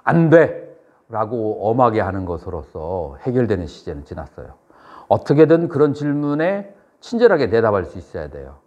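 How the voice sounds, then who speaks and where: A middle-aged man, a Buddhist monk lecturing a seminary class, who asks students questions and then answers them, with measured phrasing and pauses. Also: fairly low pitch, sing-song, a little mellow. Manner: measured delivery with frequent pauses and "eo" fillers. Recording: dull lo-fi lecture recording.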